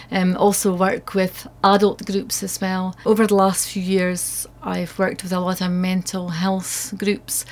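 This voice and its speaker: A woman with a North East Scottish accent speaks as an interviewed author. Her voice sits on the low side and moves very little in pitch. She answers at length about her own work. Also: darkish tone. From North East Scotland.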